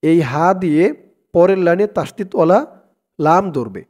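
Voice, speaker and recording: A man with a Bangladeshi Bengali accent teaching Quran reading, chanting verses slowly and then breaking the words into syllables. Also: a little high, expressive, a little mellow. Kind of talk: slow step-by-step recitation lesson.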